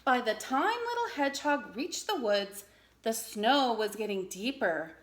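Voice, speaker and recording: A woman reading a children's story aloud in an expressive narrating style. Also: on the high side, unhurried. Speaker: storybook reader.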